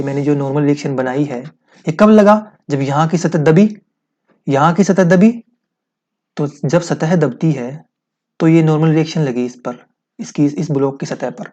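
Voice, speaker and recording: A man's voice: on the high side, moderate pace, pauses often, darkish tone, lo-fi sound. A man teaching a physics lesson, explaining step by step, asking his students questions and repeating key points.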